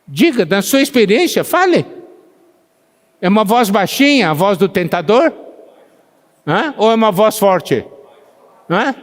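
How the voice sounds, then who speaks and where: A man preaching a sermon who slows down to stress scripture and asks the congregation questions, pausing for their answers. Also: high-pitched, sing-song. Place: church meeting hall. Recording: long hall reverb.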